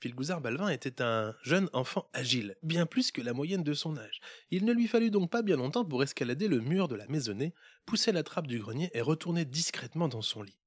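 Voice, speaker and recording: A man narrates a Christmas tale for a podcast, his voice pitched a little high. He reads playfully and keeps repeating the same running gags. The recording is dry and close. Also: animated, a little fast, breathy edge, dry recording. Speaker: podcast host. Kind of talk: storybook narration.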